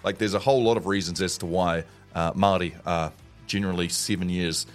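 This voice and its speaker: A man's voice: sits low, steady tone, fairly quick, faint music behind. A man with a New Zealand accent presenting conversational news chat as a morning radio co-host.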